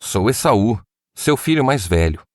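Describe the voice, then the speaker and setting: A man's voice: fairly low pitch, big pitch swings, unhurried, no echo, clean studio sound, pitched above the performer's own voice. A man reading the voice of Esau, a grown son crying out in bitter, anguished pleading to his father.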